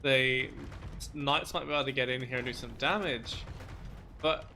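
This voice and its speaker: Bright-voiced man casting a strategy game. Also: mid-range voice, moderate pace, a little hiss or hum. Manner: analytical, laughs often, some restarts. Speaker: esports caster. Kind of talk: live game commentary.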